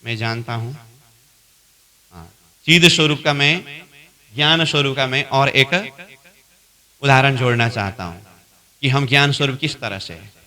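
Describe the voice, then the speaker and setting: A man's voice: medium pitch, moderate pace, long pauses. A man leading a spiritual training class, repeating his points, asking the class questions and acting out both sides of an argument. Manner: acts out both sides of a dialogue, louder as it escalates.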